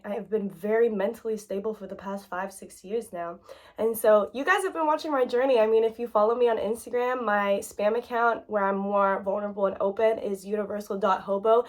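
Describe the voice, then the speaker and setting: A woman in her late twenties talking candidly to her viewers in a casual vlog, chatty and full of fillers, close to tears at times. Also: medium pitch. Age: 20s. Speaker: YouTuber.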